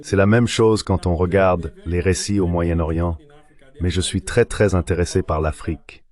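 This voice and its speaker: A man's voice: deep voice, fairly even intonation, moderate pace, a little mellow. A man from Nigeria, a professor answering interview questions, explaining at length in a lecturing way and building his points with examples. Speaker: professor and guest. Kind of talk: interview answer in a dubbed translation.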